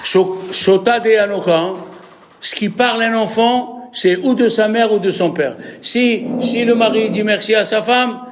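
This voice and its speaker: A man leading a religious lesson as a rabbi. His voice sits fairly high and stays animated as he quizzes the people in front of him. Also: a little slow, slight background noise. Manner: animated, asks the audience questions. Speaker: rabbi teaching a class.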